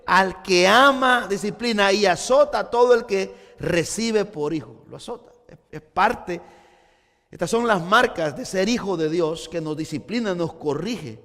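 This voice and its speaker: A man with a high voice delivers a fervent sermon as a pastor, often doubling back on his words for emphasis. His voice carries a long reverb, as though filling a large church hall. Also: a little slow, a bit bright.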